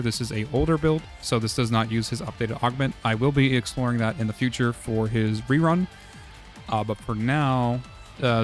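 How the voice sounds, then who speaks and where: A man streaming casual game strategy talk, hoarse from losing his voice, rambling with many "uh"s and "like"s. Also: mid-range voice. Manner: rambling, full of "uh" and "like".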